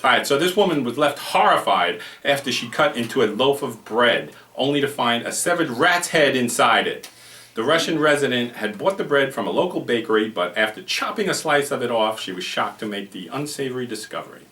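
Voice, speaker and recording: A man hosts a loose, joking talk show from a room in a house, rambling between bits and laughing at his own jokes. His voice is bright and forceful. It sits back from the mic in an echoey room with a faint hiss underneath. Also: medium pitch, very animated, fairly quick, distant mic.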